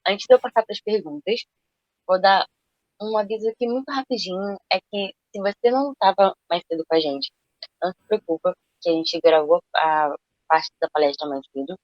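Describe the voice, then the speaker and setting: An enthusiastic webinar host praises the guest and moves on to audience questions in a middle-pitched voice. The audio is dry and muffled, with the lo-fi dullness of a video call. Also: normal speed, dry recording. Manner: effusive, praising. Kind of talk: enthusiastic live-stream hosting.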